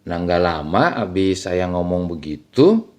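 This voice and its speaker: A man's voice: sits low, sing-song, unhurried, darkish tone, pitched below the performer's own voice. A man voicing a worried village husband recounting to a cleric how his wife suddenly became possessed. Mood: earnest. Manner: earnest, explaining, addresses listener directly.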